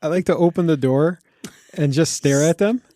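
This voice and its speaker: A man's voice: a little high, normal speed, mellow, no room sound. A man in a casual podcast chat who makes dry, short remarks. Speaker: podcast co-host.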